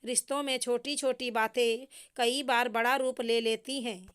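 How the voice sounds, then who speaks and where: A woman voicing a firm, caring middle-aged mother who reasons calmly. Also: fairly high pitch, unhurried, clear, resonant tone.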